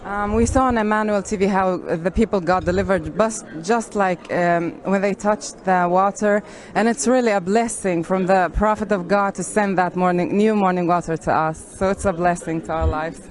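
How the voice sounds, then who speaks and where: Hesitant interpreter with fillers, mid pitch. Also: steady tone, moderate pace, few pauses. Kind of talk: casual interview answers and interpreting.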